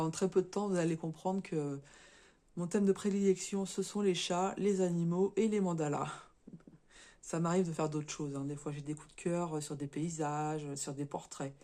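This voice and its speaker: A married woman, a little hoarse and stuffy from a cold and slightly out of breath, showing her craft work in a casual vlog, talking haltingly with many fillers and restarts. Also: lowish voice, dark tone. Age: adult, married. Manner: chatty, tags sentences with "hein". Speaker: crafts vlogger. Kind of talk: casual show-and-tell vlog.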